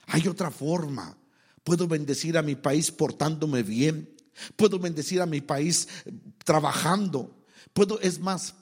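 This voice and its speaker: A Mexican man preaching a sermon with a Mexican accent, swinging between loud exhortation and quiet asides, then leading the congregation in prayer. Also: on the high side, husky. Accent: Mexican Spanish. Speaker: pastor.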